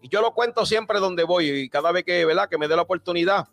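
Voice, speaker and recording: A man preaching a fiery Pentecostal sermon, building to shouted, repeated exhortations. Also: high-pitched, fairly quick, vocal fry, no room sound. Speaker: pastor.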